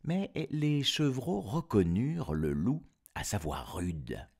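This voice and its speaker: A man's voice: on the low side, wildly swooping pitch, slow, creaky, a little mellow, breathy edge. A man narrating a fairy tale in a playful way, breaking off for wisecracking asides. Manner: playful, wisecracking, laughs at own puns. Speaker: storyteller. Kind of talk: storybook narration with comic asides.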